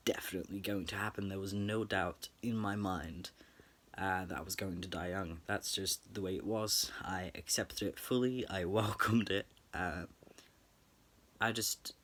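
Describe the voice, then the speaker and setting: A young man speaking to camera in a late-night personal reflection, earnest and thoughtful, pausing and restarting as he searches for words. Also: on the low side, fairly bright tone. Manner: halting, thoughtful, many pauses and restarts. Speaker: vlogger.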